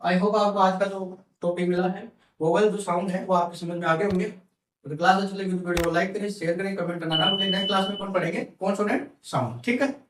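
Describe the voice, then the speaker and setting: A man's voice: sits high, fairly even intonation, fairly quick, background noise. A man teaching a classroom lesson. He says words over and over and asks questions, then answers them himself. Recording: echoey room, mic from far.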